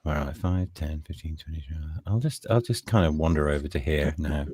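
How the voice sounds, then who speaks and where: Very deep-voiced male player. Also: a little mellow, breathy edge, no echo, studio quality. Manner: halting, restarts often. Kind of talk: casual tabletop play.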